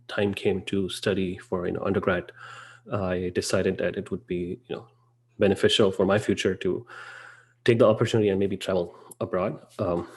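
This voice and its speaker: A man in his thirties who grew up in Dubai, a podcast guest talking casually and rambling with frequent fillers. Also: sits low. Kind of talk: podcast interview.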